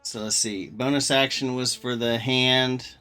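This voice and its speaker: A man's voice: medium pitch, fairly even intonation, unhurried, sharp tone, smooth, soft background music. A man playing a tabletop game, thinking his moves through aloud with fillers. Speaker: player. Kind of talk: casual tabletop game chat.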